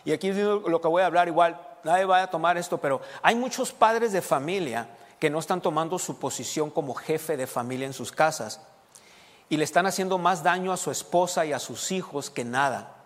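A man's voice: a little high, fairly quick, long reverb tail. A middle-aged man preaching a sermon to his congregation, asking them questions as he goes and often restarting his phrases. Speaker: pastor.

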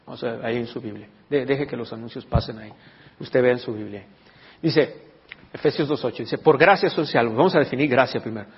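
A man's voice: mid-range voice, fairly quick, husky. A man preaching a sermon as a pastor, teaching and asking his congregation questions. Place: church hall. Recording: dull recording with long reverb.

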